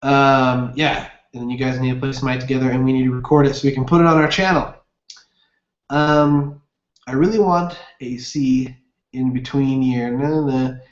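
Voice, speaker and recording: Reading viewer comments on his casual gaming livestream, a young man rambles upbeat with lots of fillers. His medium-pitched voice is steady at normal speed, captured in roomy, dull lo-fi webcam audio.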